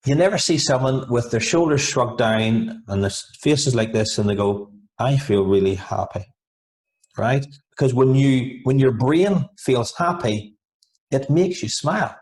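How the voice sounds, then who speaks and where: A man, a hypnotherapist guest on a video-call interview, explaining at length with frequent repeats and restarts. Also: mid-range voice. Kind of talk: casual interview over video. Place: home, over a video call.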